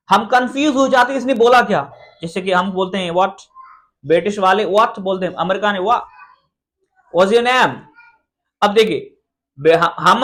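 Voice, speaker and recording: A man's voice: high-pitched, a bit bright. A man from Pakistan with a Pakistani accent, giving an earnest lecture as an English teacher. He repeats his points and drops English phrases into his talk. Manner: earnest, repetitive, mixes English phrases into Urdu-Hindi. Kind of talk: explanatory lecture.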